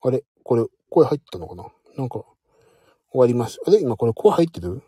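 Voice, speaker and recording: Man, live stream host, casual late-night chat, animated pitch, mellow tone. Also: fairly quick, husky, no room sound, clean studio sound. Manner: chatty, self-mocking, warm sign-off to listeners.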